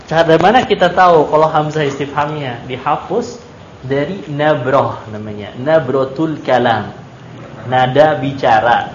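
Male teacher, emphatic and quizzing, slightly high voice, echoey dull classroom recording. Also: measured pace, slight background noise. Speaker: Arabic teacher. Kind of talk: classroom grammar lesson.

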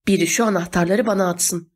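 A woman voicing an armed male robber who gives slow, menacing commands in a storybook reading. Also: on the low side, steady tone, natural voice.

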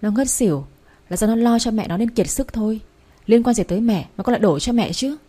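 A berating, shrill older mother-in-law from an audio story, read by a woman. The voice is mellow and dark beneath the scolding, with a slightly husky edge. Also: expressive, a little fast. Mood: dismissive.

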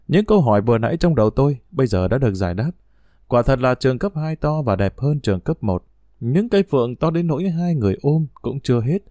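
A man's voice: mid-range voice, warm tone, dry recording. Wry male storyteller, dry close sound. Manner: wry, reflective, conversational. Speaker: narrator. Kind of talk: first-person storytelling narration.

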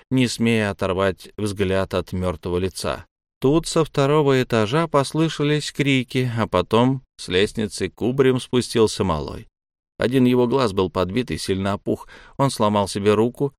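A man reading a story as an audiobook narrator in a steady, even way. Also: lowish voice, clean tone, no echo, clean studio sound. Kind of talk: scripted narration.

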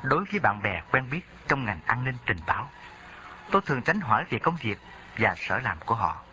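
A man's voice: medium pitch, sing-song, a little fast, pushed and bright, lo-fi sound, a little hiss or hum. Man reading a reflective memoir. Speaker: narrator.

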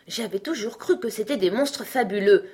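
A woman's voice: a little high, normal speed, a bit bright, pitched above the performer's own voice. A woman voicing a male unicorn in a storybook reading, offhand, disdainful and bossy.

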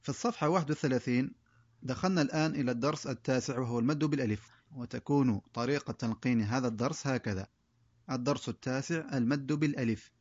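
A man's voice: mid-range voice, darkish tone, dry recording, highs cut off. A man teaching a reading primer for Quran recitation, explaining the lesson and modeling each syllable one by one. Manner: slow drilled syllable-by-syllable modeling.

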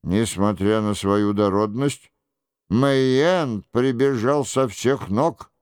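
A man narrating a classic adventure novel in a measured storytelling manner. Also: on the low side, a little mellow, clean tone, no room sound, studio quality. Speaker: audiobook narrator. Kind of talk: scripted narration.

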